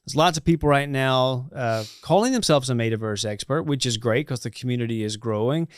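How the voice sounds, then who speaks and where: A man hosting a casual studio talk show, upbeat and chatty, often trailing off softly at the end of a phrase. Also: medium pitch, fairly quick, clean tone, dry recording. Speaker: host, chief marketing officer. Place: company studio.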